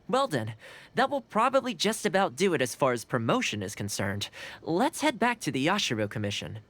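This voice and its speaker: Thoma, a friendly young housekeeper. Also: male voice, a little high, very animated, normal speed, a bit bright. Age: young adult. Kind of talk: video game voice acting.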